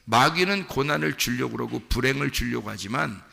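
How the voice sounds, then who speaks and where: A man preaching from the pulpit with a heavily gravelly, bright and forceful tone. He talks earnestly and conversationally, as if speaking to each listener. His voice rings out with a long reverb through a church hall. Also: medium pitch, fairly quick. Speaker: pastor. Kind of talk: sermon. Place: church sanctuary.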